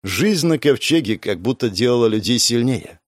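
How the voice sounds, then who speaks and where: A male audiobook narrator reads in a measured but expressive way. His pitch is mid and his melody lively. The recording is dry and close. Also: no room sound. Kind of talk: scripted narration.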